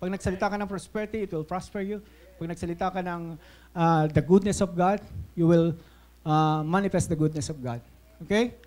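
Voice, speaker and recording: A man's voice: high-pitched, normal speed. A Filipino man preaching a sermon as pastor, mixing English into his talk, often checking in with "Okay?" and acting out little scenes. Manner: switches between Tagalog and English, asks "Okay?" often; lively, acts out voices in stories.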